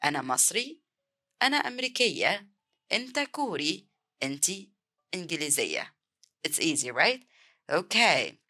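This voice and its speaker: A woman from Egypt with an Egyptian accent, teaching a beginner language lesson and clearly repeating each word several times. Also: lowish voice, very animated, quick pace, long pauses, pushed and bright. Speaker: Arabic teacher.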